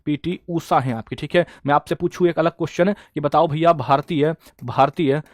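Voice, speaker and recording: A man's voice: on the high side, steady tone, moderate pace, dry recording. Quizzing male coaching teacher, dry close mic. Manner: quizzing students, repeating answers. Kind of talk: live online class.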